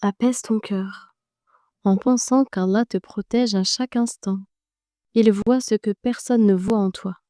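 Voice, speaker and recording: A woman narrating a guided meditation in a slow, gentle and soothing way, speaking directly to the listener. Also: mid-range voice, fairly even intonation, dry recording, studio quality.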